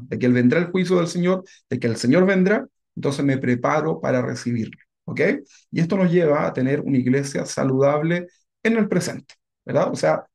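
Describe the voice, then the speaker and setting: A pastor teaching a Bible class in a relaxed, conversational way. His voice sits a little high for a man and has a gravelly, creaky edge. He keeps turning to the congregation with short tag questions.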